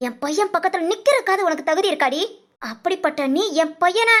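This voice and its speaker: A woman's voice: very high-pitched, expressive, fairly quick. A woman voicing a harsh, domineering rich mother who hurls insults. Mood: scornful. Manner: shouting insults, contemptuous. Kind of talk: storybook voice acting.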